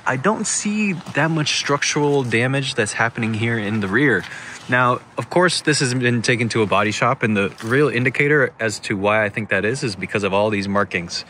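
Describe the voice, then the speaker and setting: A man's voice: medium pitch, bright, forceful tone. Young male vlog host, enthusiastic, selfie phone mic, light background noise. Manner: enthusiastic, chatty, thinking aloud. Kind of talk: casual walkaround vlog. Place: inside a parked car, then outdoors at an auction lot. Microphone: phone held at arm's length.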